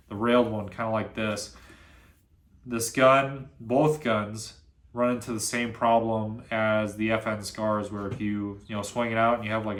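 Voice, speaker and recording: A man's voice: on the low side, fairly bright tone. Nasally young guy rambling on camera, lots of ums, room echo. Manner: rambling with many fillers and restarts. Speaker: gun reviewer, channel host. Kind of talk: casual unscripted video review. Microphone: camera on a stand.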